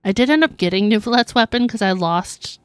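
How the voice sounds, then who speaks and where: A woman's voice: medium pitch, fairly quick, smooth, no echo. A young adult woman chatting casually and giggling while streaming a game. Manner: chatty, giggly, reacting aloud. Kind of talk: casual gameplay chat.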